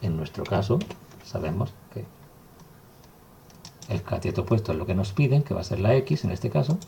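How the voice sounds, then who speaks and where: Low gravelly male teacher. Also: normal speed, a little hiss or hum. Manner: calm, step-by-step explaining while writing. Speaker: math teacher. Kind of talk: recorded math lesson.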